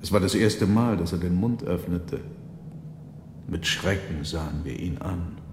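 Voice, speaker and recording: A man narrating a radio drama in a measured, grave storytelling manner. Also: low voice, noisy background. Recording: roomy reverberant hall.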